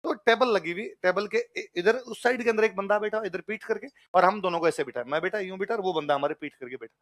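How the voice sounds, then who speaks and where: A man's voice: sits high, fast talker, a bit bright. A man with a Rajasthani accent, a teacher telling a personal story during a lecture and acting out the voices of people in it. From Jodhpur, Rajasthan.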